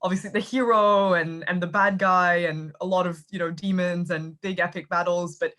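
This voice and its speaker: A woman from Thailand with an American accent answers casual interview questions as an author guest on a video call, explaining her work articulately. Her voice is lowish and a bit bright, with fairly even intonation at a normal speed.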